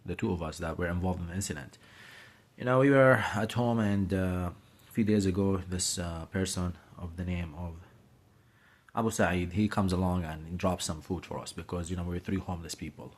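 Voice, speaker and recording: A Syrian man in his late thirties vlogs casually into a phone camera held close in a small room. His voice is low-pitched and moderately paced, and he rambles with lots of fillers and restarts.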